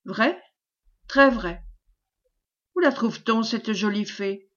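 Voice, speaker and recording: A woman reading the lines of a gruff, impatient knight who grumbles curtly, in a storybook reading. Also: on the high side, slow, a bit bright, muffled recording. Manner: grumbling, curt. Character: gruff, greedy young knight, blunt and impatient.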